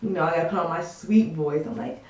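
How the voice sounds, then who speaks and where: A woman's voice: on the low side, quick pace, darkish tone. A young woman casually telling a rambling story to the camera, full of fillers. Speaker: storytime vlogger. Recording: echoey room.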